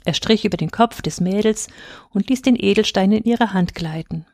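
A woman reads a fairy tale aloud at a calm, measured pace. Her voice sits in a middle range, and the sound is dry and close. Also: medium pitch, dry recording. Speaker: storyteller. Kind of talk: storybook reading.

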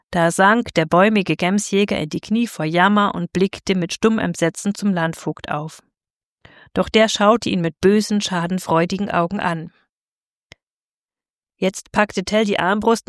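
A woman narrating a storybook in a steady, expressive reading voice. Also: mid-range voice, dry recording, studio quality.

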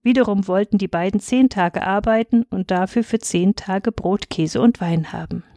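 A woman reading a fairy tale aloud in a clear, measured storytelling voice. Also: mid-range voice, mellow, dry recording. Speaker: reader.

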